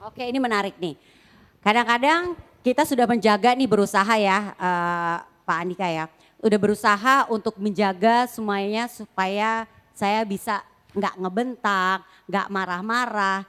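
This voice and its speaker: A woman's voice: medium pitch, moderate pace, fairly bright tone, clear, resonant tone, in a large hall. A woman hosting a live stage talk, upbeat, calling for applause and inviting questions from the audience. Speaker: host.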